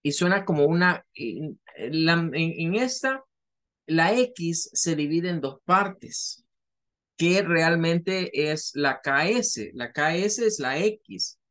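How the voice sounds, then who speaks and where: A man teaching an English lesson, explaining patiently step by step and repeating words slowly to show their pronunciation. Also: a little high, lively intonation, fairly bright tone. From Latin America. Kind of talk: recorded online lesson.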